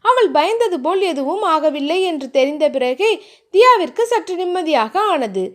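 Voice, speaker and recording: A woman narrating a romance audiobook in a calm, even storytelling voice. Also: high voice.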